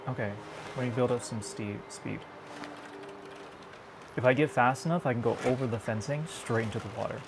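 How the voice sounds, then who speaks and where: A man giving casual, excitable, slangy commentary while playing a video game. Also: medium pitch, moderate pace, creaky, pauses often, noisy background. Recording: music behind the voice. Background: game music.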